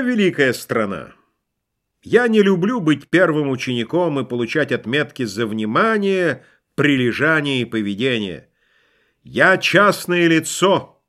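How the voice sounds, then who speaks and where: A man's voice: fairly high pitch, a bit bright. A man voicing a grandiose, scheming middle-aged con man in an audiobook reading, theatrical and ironic.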